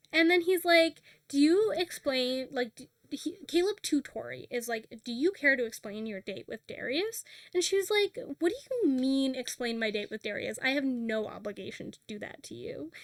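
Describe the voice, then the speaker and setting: A woman co-hosting a casual book recap, retelling scenes and quoting characters in a lively, rambling way with lots of fillers. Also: high-pitched, no echo, studio quality. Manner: animated retelling, acting out characters' lines with filler words. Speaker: podcast co-host recapping a book.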